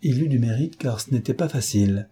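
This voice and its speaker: A man reads a classic novel aloud, measured and expressive. His voice is deeply husky, with a warm, dark tone. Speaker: audiobook narrator. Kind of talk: literary audiobook narration.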